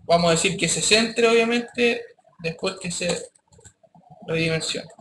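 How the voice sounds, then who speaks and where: High bright-voiced man teaching. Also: a little slow. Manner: casual, addresses students directly with frequent checks. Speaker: programming teacher. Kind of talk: live classroom coding lesson. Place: classroom. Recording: echoey classroom with faint noise.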